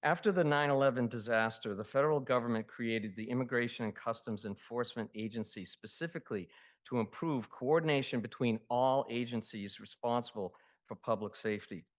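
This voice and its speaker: A man's voice: medium pitch, brisk. Man reading a formal prepared statement. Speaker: resident giving public comment. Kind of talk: prepared public comment statement. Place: city council chambers.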